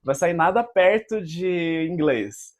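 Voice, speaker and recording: A man's voice: on the high side, lively intonation, slow. A man with a Brazilian Portuguese accent, hosting a casual debate and explaining his point patiently with examples. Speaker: host.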